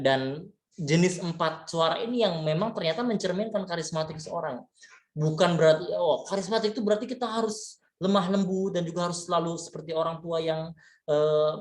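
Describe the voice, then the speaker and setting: A man giving a relaxed, chatty leadership lecture, full of fillers and tag words, mixing in English terms. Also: a little high. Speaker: leadership trainer. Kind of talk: casual webinar lecture. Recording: echoey room.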